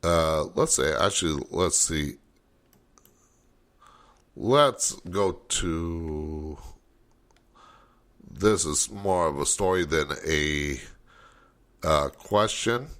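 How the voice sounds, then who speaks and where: Deep-voiced talk show host. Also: male voice, lively intonation, drawn-out words, long pauses, a bit bright. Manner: rambling and digressive, thinking aloud. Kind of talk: late-night talk radio monologue.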